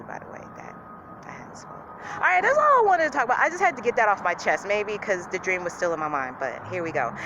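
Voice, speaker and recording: A woman vlogger talking casually to her viewers in a morning voice, earnest and confiding, often dropping soft and quiet. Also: medium pitch, lo-fi sound, background noise. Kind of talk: casual talk to camera.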